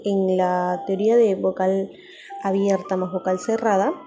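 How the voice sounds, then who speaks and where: Woman teacher, very warm and dark tone, patient, repeats key terms for pupils. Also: medium pitch, highs cut off. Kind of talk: recorded grammar lesson.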